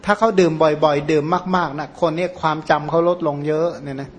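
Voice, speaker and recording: A monk whose first language is Khmer, giving an informal, rambling Dhamma talk with many fillers and self-corrections. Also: male voice, fairly high pitch, steady tone, brisk, a little hiss or hum. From Surin, Thailand. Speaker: Buddhist monk teacher.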